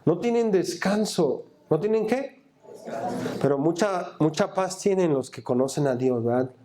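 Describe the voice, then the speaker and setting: A man's voice: a little high, expressive, a little slow, dark tone. A man preaching in church, reading scripture and asking the congregation to fill in the words. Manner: call-and-response questions to the congregation; reads scripture aloud and comments on it. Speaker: pastor. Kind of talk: sermon.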